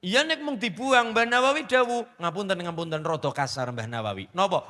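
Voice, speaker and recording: A male preacher gives a lively village sermon, often quizzing the crowd. His voice sits a little high and rings bright and forceful. It echoes with a long reverb through the sound system. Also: a little fast. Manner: lively, asks the crowd questions, jokes. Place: religious gathering in a village.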